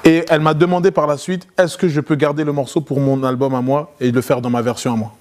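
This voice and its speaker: A man, a guest in a casual interview, telling a story in an animated way. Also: quick pace. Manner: animated, acts out quotes in a loud high voice.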